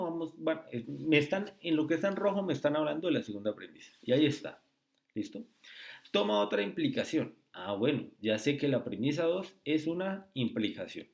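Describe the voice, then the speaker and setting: A man tutoring logic in a screen-recorded lesson, speaking slowly and often checking with "¿sí?" and "¿listo?". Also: a little high, lively intonation, vocal fry, a little mellow. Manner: slow, repetitive, asks rhetorical checks.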